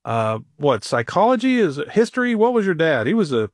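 A man hosting a radio talk show, asking his guest upbeat rapid questions and reading out a phone number. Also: fairly high pitch, sing-song, no echo, clean studio sound.

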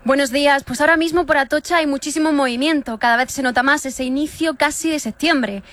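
A woman reporting for radio from a train station, describing the scene in measured, descriptive terms. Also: high-pitched, fairly bright tone, no echo. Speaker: field reporter.

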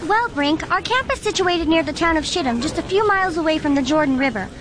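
An actress playing an eager, composed field reporter giving a formal mock news report in a children's radio drama. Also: female voice, sits high, lively intonation, fast, noisy background. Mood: businesslike. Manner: crisp, formal news delivery. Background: army camp crowd.

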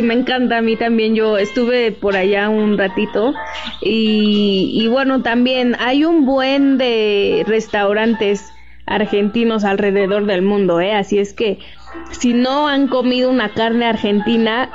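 A woman's voice: fairly high pitch, a little slow, highs cut off, soft background music. A woman hosting an interview, friendly and jokey, often chiming in with short affirmations. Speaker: host. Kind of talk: casual interview talk.

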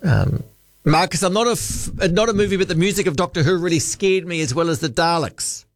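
A man's voice: high voice, a little fast, no echo, clean studio sound. A man hosting a late-night talkback radio show, chatting and bantering with callers. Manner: chatty, warm-hearted banter, restarts. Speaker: radio host. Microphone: studio microphone.

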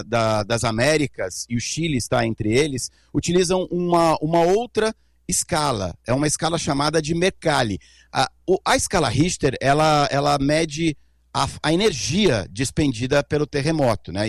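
A man's voice: fairly high pitch, no echo. A male correspondent explaining a news event precisely in a live report.

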